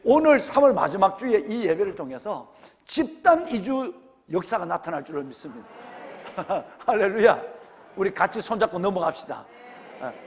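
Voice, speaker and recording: A man's voice: high voice, big pitch swings, moderate pace, in a large hall, slight background noise. A male senior pastor with a Gyeongsang accent, preaching a sermon and firing rhetorical questions at his congregation. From Gyeongsang region, Korea. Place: church sanctuary.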